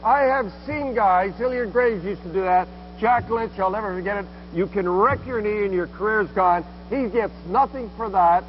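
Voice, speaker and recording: Male Canadian colour commentator, high-pitched, punchy and opinionated, with noise behind the broadcast. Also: normal speed, few pauses. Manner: blunt, emphatic, punchy short phrases. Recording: dull lo-fi broadcast with background noise.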